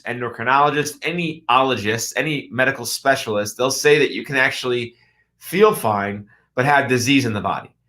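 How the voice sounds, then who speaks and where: With a bright, forceful tone at medium pitch, this middle-aged man speaks as a chiropractor hosting a health talk radio program. His monologue is earnest and emphatic, full of restarts and rhetorical questions.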